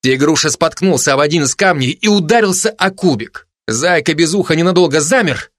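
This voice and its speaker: A man's voice: fairly high pitch, expressive, brisk, fairly bright tone, dry recording, studio quality. Man reading a children's fantasy story. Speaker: audiobook narrator. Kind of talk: storybook narration.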